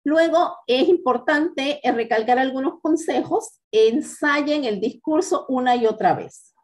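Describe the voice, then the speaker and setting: A woman teaching a class on public speaking in a methodical, encouraging way, often pausing with hesitant fillers. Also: sits high. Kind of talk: instructional talk to students.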